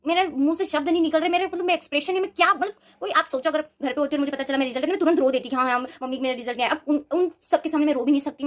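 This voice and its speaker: Fast-talking young woman telling a story. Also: high voice. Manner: animated, rushed retelling with many restarts and fillers. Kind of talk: casual personal storytelling.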